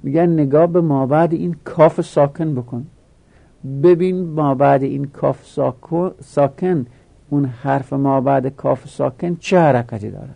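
A man teaching a grammar lesson, explaining slowly and repeating each step while asking questions. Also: a little high, creaky, mellow.

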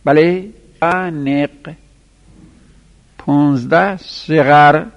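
Gravelly man dictating a lesson slowly. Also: fairly high pitch, fairly even intonation. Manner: counts items aloud and spells letters slowly. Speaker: teacher. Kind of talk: classroom lesson dictating Arabic verbal nouns. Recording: lo-fi recording in a reverberant room.

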